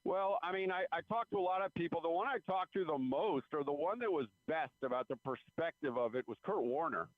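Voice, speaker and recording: A man on a phone-like radio call-in line offers conversational sports analysis as a guest reporter, repeating phrases for emphasis. His voice sits on the high side and moves briskly with few pauses, with no room sound.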